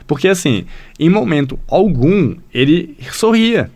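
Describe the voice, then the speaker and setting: This podcast guest, a man who founded a language school, has a Brazilian Portuguese accent and a fairly high, darkish voice that is very animated yet unhurried. In the casual conversation he tells stories in a wandering way, uses many fillers and often turns to address the listener.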